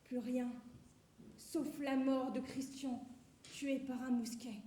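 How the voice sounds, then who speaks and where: Stage drama: woman as male playwright, very high-pitched, flustered, declamatory, reverberant recording. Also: fairly even intonation, takes it slowly, dark tone. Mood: absorbed storytelling. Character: Edmond Rostand, flustered married male playwright, passionate about words. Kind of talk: theatrical stage acting.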